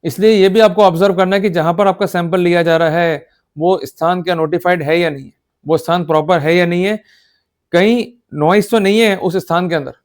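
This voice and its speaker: Speaking a little fast in a high voice with fairly even intonation, a man with an Indian accent lectures on law in Hindi interspersed with English legal terms. He drives points home emphatically and keeps checking understanding with short, repeated questions.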